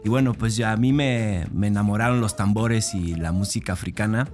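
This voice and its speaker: Relaxed, low-voiced middle-aged musician. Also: male voice, fairly quick, soft background music. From Argentina, raised in Mexico. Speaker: musician guest. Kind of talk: radio interview. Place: radio booth. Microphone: studio microphone.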